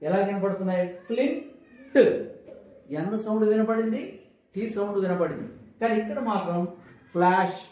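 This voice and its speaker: A man's voice: high-pitched, fairly even intonation, fast, a little mellow, slight background noise. A man teaching a phonics lesson in a classroom style, who asks questions and then answers them himself, drilling the words over and over. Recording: very echoey room.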